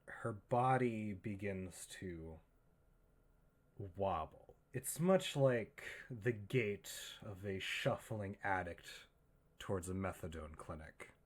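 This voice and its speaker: A man narrating a tabletop horror game as game master, in a measured, suspenseful way. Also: sits low, expressive.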